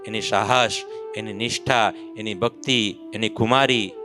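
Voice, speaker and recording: A man's voice: on the low side, fairly even intonation, measured pace. A man preaching a devotional story, who acts out the voices of mocking villagers as he tells it. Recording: clear instrument music behind the voice. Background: musical instrument accompaniment.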